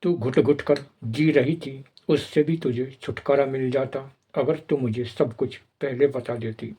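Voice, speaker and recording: A man's voice: medium pitch, steady tone, measured pace, mellow, slightly rough. A man reading the lines of a tearful, forgiving husband in a retold film story, in a plain reading voice.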